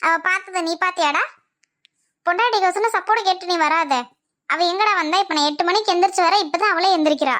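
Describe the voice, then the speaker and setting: A woman's voice: very high-pitched, fast, a bit bright, no echo. A woman playing a bossy mother-in-law who berates her daughter-in-law in a comedy family skit. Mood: scolding. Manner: nagging, berating, scornful. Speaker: skit actor.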